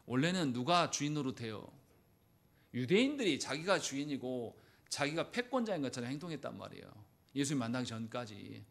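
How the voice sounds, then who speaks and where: A man pastor preaching a sermon in a church, acting out quoted lines with sudden loud bursts. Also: medium pitch, big pitch swings, brisk, vocal fry. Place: church sanctuary.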